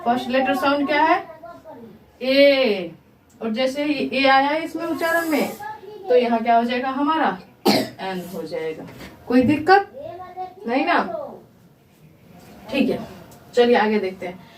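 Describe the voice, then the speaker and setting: A woman English teacher giving a grammar lesson, asking her students questions and answering them herself. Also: sits high. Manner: slow, repeats questions to the class and answers them. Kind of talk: grammar lesson explained in Hindi. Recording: echoey room, voice from far.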